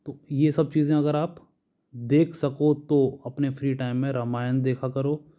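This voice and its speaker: Slow, dark-voiced Indian man teaching vocabulary. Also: medium pitch, little pitch movement. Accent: Indian English. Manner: slow, patient, drawn-out word lists. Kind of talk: explaining English words in Hindi.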